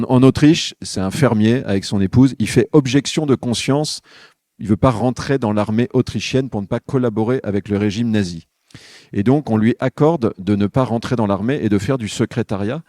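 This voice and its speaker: A man with a low, mellow voice gives a reflective homily. He talks with listeners in a conversational way. The sound is dry and close. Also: no room sound. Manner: conversational, addresses listeners directly. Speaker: podcast speaker on spiritual life.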